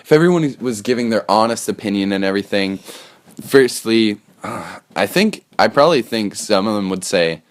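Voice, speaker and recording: A man's voice: lowish voice, animated, normal speed. A young man co-hosting a casual chat podcast, rambling, laughing often and swearing freely. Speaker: podcast co-host.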